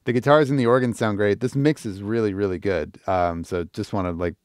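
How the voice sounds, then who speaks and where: A middle-aged man hosting a live stream, giving casual, animated feedback and thinking aloud as he chats to viewers. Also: on the low side, fairly quick, no room sound, clean studio sound.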